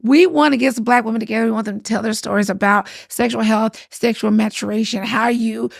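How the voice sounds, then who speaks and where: A woman, co-hosting a casual chat and talking in an animated way, with frequent laughs. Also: on the high side, a little fast, vocal fry, no echo, studio quality. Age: 40s. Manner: animated, laughs often, trails off mid-sentence. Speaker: podcast co-host.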